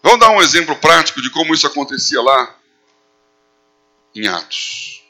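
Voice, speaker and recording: A man's voice: on the high side, sing-song, moderate pace, bright, forceful tone. A man preaching a sermon, animating his points with acted quotes. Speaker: pastor.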